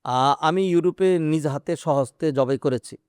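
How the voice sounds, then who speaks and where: A man, an Islamic scholar answering questions in a measured, explaining way with hesitant fillers. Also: a little high, a little mellow, clean tone, no echo, clean studio sound. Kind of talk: religious Q&A interview.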